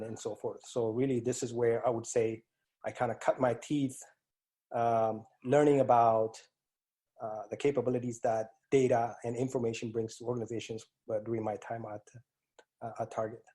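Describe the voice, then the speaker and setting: This IT strategist, a guest in his forties from East Africa (Ethiopia and Kenya), speaks with a medium-pitched, mellow, level voice at a normal speed. Answering interview questions over a remote call in his East African accent, he hesitates often with fillers and restarts.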